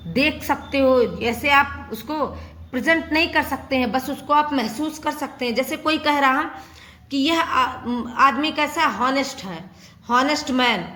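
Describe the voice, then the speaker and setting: A woman's voice: high-pitched, unhurried, sharp tone, a little hiss or hum. A woman teaching a grammar lesson, asking questions and answering them herself with lots of repetition. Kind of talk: Hindi grammar lesson explaining English.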